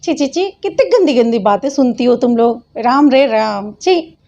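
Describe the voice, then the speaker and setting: High-pitched lady ranting and mocking in a reaction vlog, laughs a lot, muffled lo-fi sound. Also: animated, normal speed, mellow. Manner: scolding, mocking, laughs often. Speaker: channel host.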